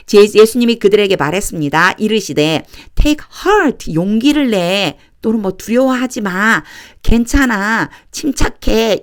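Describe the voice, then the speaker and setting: A woman teaching a lesson on reading the English Bible, explaining grammar patiently and reading verses aloud slowly, phrase by phrase. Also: mid-range voice. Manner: patient, repeats and breaks sentences into chunks; reads English lines very slowly and deliberately.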